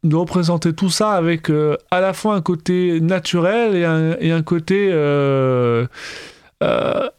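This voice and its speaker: A man co-hosting a casual film discussion, speaking haltingly as he searches for words. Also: a little high, darkish tone, smooth, no echo, clean studio sound. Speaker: film discussion podcast co-host. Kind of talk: casual film review chat.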